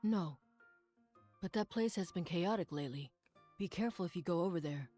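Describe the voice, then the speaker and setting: A woman's voice: on the low side, a little fast, dark tone, faint music behind, lightly acted. A woman playing a weary but helpful street soup vendor in a video game, speaking plainly with mild concern.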